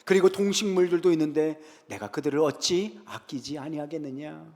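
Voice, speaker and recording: A male pastor voicing God in a sermon, speaking as a gentle, fatherly deity who reasons softly with a sulking prophet. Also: a little high, brisk, natural voice. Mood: gentle reproach. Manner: soft, patient, questioning tone. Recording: long reverb in a large sanctuary.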